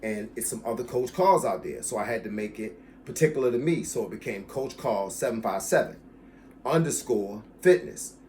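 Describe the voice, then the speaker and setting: A man's voice: lowish voice, lively intonation, normal speed, darkish tone, a little hiss or hum. A man in his fifties, a fitness coach, talking casually to camera and addressing viewers directly. He is emphatic and drives his points home by repeating key phrases. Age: 50s. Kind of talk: casual talk to camera about his channel.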